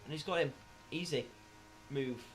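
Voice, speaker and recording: A man with a Northern English accent co-commentating a sim race, chatty and quick to laugh and tease. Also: mid-range voice. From Northern England. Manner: chatty, laughs often, teasing.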